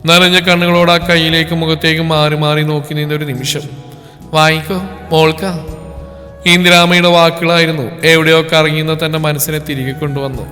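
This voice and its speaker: A man narrating a scripted story in a steady, even storytelling delivery. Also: fairly high pitch, fairly quick, hardly any pauses. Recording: long reverb with background music.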